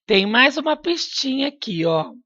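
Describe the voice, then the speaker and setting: A woman's voice: high-pitched, big pitch swings, unhurried, sharp tone, dry recording, highs cut off. A woman teacher giving a recorded lesson to young pupils, patient and coaxing, asking them questions and repeating her prompts. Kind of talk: recorded remote class lesson.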